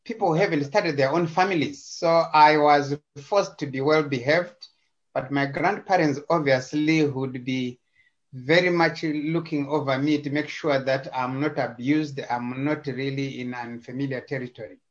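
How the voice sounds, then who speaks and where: A man's voice: medium pitch, steady tone, normal speed. A man from Zimbabwe, a guest on a video call, talking in a casual, hesitant way with many repetitions and fillers. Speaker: interview guest. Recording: slightly dull video-call audio.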